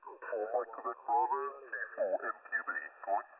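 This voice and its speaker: A man's voice: mid-range voice, normal speed. A man calling in over an off-frequency ham radio link whose audio sounds robotic and distorted, giving call signs and ending turns with "over". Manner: brief call-sign procedure, ends turns with "over". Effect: mistuned, off-frequency ham radio audio that sounds robotic. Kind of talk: amateur radio contact. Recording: tinny distant ham radio signal with loud static.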